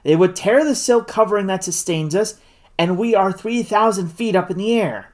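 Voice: mid-range voice, normal speed, close to an everyday voice. A reader voicing a Victorian doctor who commands a balloon, calling out orders. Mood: steady. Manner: shouted commands.

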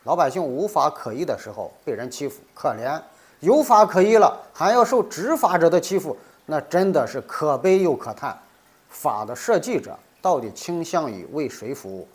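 A man's voice: on the high side, very animated, normal speed. A middle-aged man hosting a legal commentary, delivering a scripted monologue with indignant rhetorical questions.

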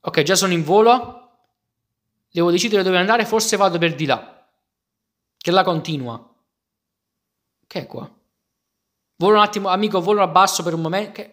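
Young man, excitable gaming commentary, chatty with viewers, fairly high voice. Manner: excitable, exclaiming, talks to viewers as "raga". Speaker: gaming youtuber. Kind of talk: casual Minecraft let's play commentary.

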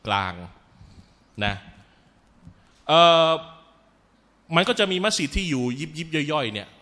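In his religious talk, this male Islamic lecturer takes it slowly with a fairly high-pitched voice. He brings stories to life, mixes in Arabic phrases, and calls his audience brothers and sisters.

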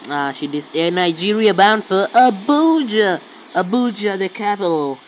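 A woman's animated, medium-pitched voice moves at a measured pace as she gives casual gameplay commentary for her videos, repeating words and phrases frequently. It's an amateur recording made on a handheld phone filming a screen, with faint background noise.

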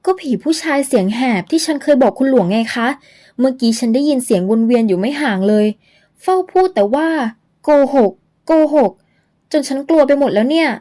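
A jumpy, frightened young woman in an audio novel pleads in a high, fearful voice, voiced by a woman narrator. Her tone is soft and mellow. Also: animated, fairly quick.

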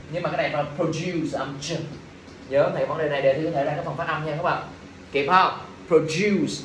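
A man leads an exam review lesson, bright and high in pitch. He jokes with the students and keeps asking them questions. The classroom sounds echoey, with faint background noise. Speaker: English teacher.

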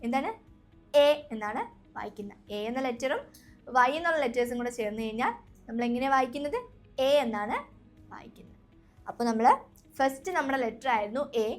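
A young Malayali woman gives a spoken English lesson, saying each sound, asking the listeners to repeat it, then saying it again. Her voice sits a little high. Faint music plays softly behind her. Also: expressive, brisk, pauses often. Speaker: English teacher.

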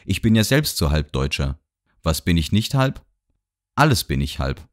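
A man voicing a talkative middle-aged gentleman on a train who rambles and lectures cheerfully. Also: deep voice, very animated, normal speed. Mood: chatty. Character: chatty middle-aged gentleman traveler, boastful and nosy. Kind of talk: audiobook character voice. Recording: dry studio sound.

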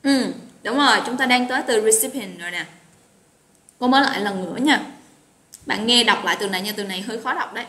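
A fast-talking woman with a fairly high, pushed, bright voice and a Southern Vietnamese accent teaches English vocabulary in a live online class. She's chatty and encouraging, calling on students by name; the recording is roomy and echoey with faint noise.

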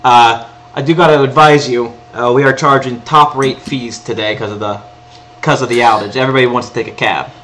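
A man's voice: mid-range voice, fairly even intonation, brisk, fairly bright tone, lightly acted. A man voicing a rambling male New York cab driver who stammers and haggles over the fare. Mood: haggling.

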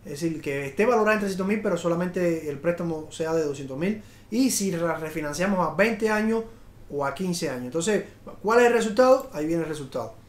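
A middle-aged man with a high-pitched voice talks through money tips as a live video host. He rambles, restarts his sentences and pushes an eager sales pitch. The room around him sounds echoey. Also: animated, a little fast. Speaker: realtor and show host. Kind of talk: live video talk on home finance. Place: studio in front of a slide screen.

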